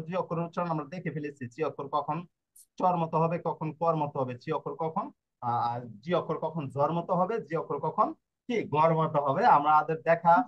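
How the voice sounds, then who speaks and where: Male tutor, slightly high pitch, patient syllable-by-syllable drilling, muffled low-fi sound. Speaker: language teacher. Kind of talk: explaining pronunciation lesson. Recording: dull lo-fi recording.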